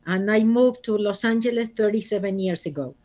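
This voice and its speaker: A woman's voice: medium pitch, brisk, mellow. A woman from Argentina, a guest on an interview show, answering in short, agreeable replies. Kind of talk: interview conversation.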